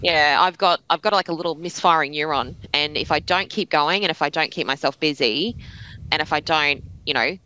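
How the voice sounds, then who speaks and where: An Australian woman speaking as a guest on a podcast, talking in a fast-flowing, energetic and candid way. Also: low-pitched, smooth, low-quality recording. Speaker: podcast guest, veterans recruiter. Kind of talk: casual podcast chat.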